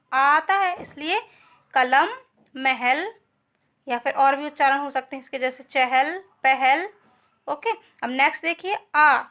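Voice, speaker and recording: A woman's voice: sits high, bright, forceful tone. A young woman teaching a grammar lesson, explaining step by step and often checking with her students.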